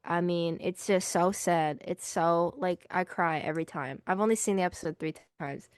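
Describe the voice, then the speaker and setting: A woman's voice: fairly low pitch, normal speed, smooth, no room sound, clean studio sound. A woman co-hosting a podcast in casual chat, rambling with many fillers. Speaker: podcast co-host.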